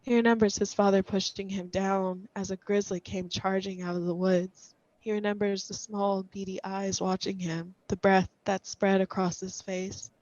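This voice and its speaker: A woman reading a scripted horror story aloud in a measured, suspenseful way. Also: medium pitch, flat delivery, a little mellow, no echo, highs cut off.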